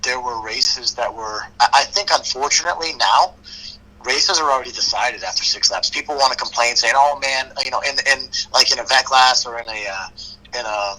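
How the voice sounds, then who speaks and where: A man's voice: medium pitch, a little fast, bright, forceful tone, poor audio. A man, a longtime motocross racer, talking bluntly and with many restarts in a casual podcast chat.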